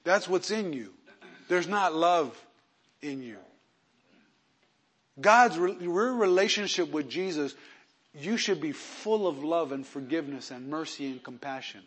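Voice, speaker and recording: A male pastor preaching a sermon who tells personal stories, moving between hushed storytelling and loud, emphatic preaching. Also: a little high, animated, a little slow, long pauses, breathy edge. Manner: acts out quoted voices in his stories.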